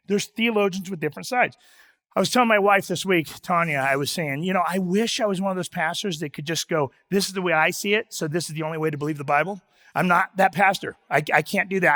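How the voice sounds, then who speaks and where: High-voiced conversational pastor preaching. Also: male voice, a bit bright. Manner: conversational, self-deprecating, with restarts and asides. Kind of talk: sermon.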